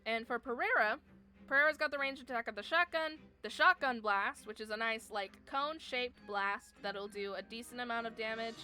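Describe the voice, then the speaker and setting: Woman streamer with a crisp, bright, slightly high voice, explaining a game in chatty live commentary. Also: moderate pace, soft background music. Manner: chatty, explains game rules step by step with frequent fillers.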